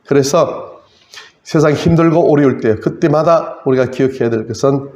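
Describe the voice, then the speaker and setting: A man preaching a sermon, acting out tearful cries to God with swings in pitch and loudness. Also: normal speed, reverberant, lo-fi sound. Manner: dramatic, acts out tearful prayers to God.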